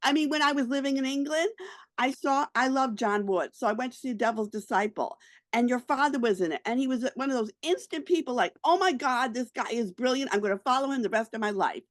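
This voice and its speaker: A woman interviewing in a casual, chatty style, gushing and excitable. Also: high voice, fairly quick, no room sound.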